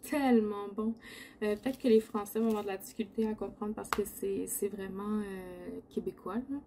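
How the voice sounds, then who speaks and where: A woman's voice: medium pitch, fairly even intonation, normal speed, mellow, slight background noise. A woman with a Quebec French accent chats casually while crafting, rambling a little in a sleepy morning voice. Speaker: diamond painting video host. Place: indoor home craft setup.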